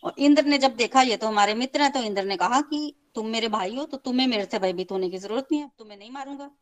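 High-voiced woman retelling a scripture story. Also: fast talker, poor audio. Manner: conversational, repeats phrases for emphasis, addresses listeners; mixes in English words.

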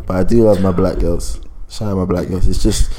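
A man's voice: low voice, steady tone, fairly quick, dark tone. A young man with a London urban roadman accent, arguing casually on a podcast in heavy street slang, with noise behind him. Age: young adult. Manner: slangy, argumentative. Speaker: podcast host. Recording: clear background noise.

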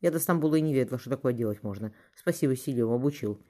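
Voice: mid-range voice, rapid-fire, dark tone, close to an everyday voice. An audiobook reader voicing Marfa, an affectionate, chatty grown woman who speaks tenderly. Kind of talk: audiobook character reading.

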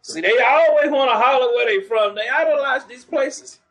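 A man's voice: extremely high pitch, moderate pace, fairly bright tone, rough recording. A man preaching in the street, mocking churchgoers and calling for the next verse to be read. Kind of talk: street preaching with scripture reading.

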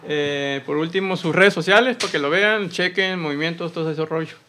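A man from Sonora, hosting a podcast in a relaxed, slangy chat. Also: fairly high pitch, normal speed, a little hiss or hum. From Sonora, Mexico. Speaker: podcast host. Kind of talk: casual chat.

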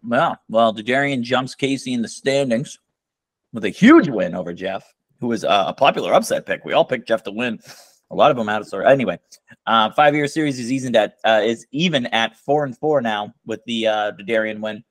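A man's voice: mid-range voice, fairly quick, no echo. A man in a casual chat among friends, reeling off standings and teasing the others. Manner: teasing, stats-minded. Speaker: podcast co-host.

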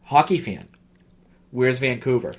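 A man's voice: medium pitch, expressive, a little slow, rough recording. A man from New England, co-hosting a casual chat and rambling through sports trivia with jokes and the odd swear. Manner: rambling, jokey, swears, trails off into mumbles. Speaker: podcast co-host.

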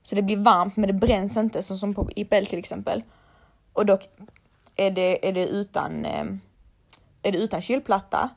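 Blunt young woman with vocal fry. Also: mid-range voice, long pauses. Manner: blunt, outspoken, swears freely. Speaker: laser hair removal technician. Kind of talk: casual chat to followers.

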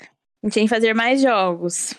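A woman's voice: a little high, measured pace, dry recording, clean studio sound. A young woman co-hosting a podcast, chatting casually with lots of exclamations. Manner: exclamatory, animated. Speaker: podcast co-host. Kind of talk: casual chat.

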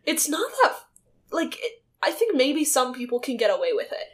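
Woman, fairly high voice, podcast co-host, casual conversational style, easily amused. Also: very animated, normal speed. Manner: laughs easily as she talks. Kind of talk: casual chat.

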